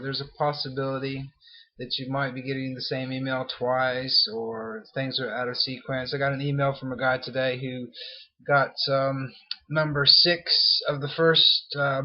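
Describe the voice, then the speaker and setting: With the highs cut off, the recording captures a medium-pitched man in his thirties, an internet marketer from California, United States, vlogging to his email subscribers. His accent mixes American and Australian, and his casual talk is rambling and apologetic, full of fillers and restarts.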